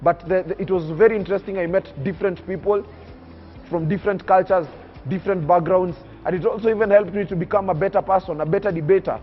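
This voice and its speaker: Speaking quickly in a high voice with fairly even intonation, this nineteen-year-old Kenyan recounts his life during a TV interview. As a young public speaker, he sounds earnest, emphatic and oratorical, with a preacher's cadence. The audio is dull, and soft music plays behind him.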